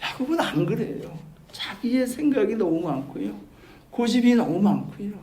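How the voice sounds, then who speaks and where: A male pastor preaching a sermon. He turns from loud, emphatic exclamations to soft, quiet asides. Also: fairly high pitch. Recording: roomy church hall with faint background noise.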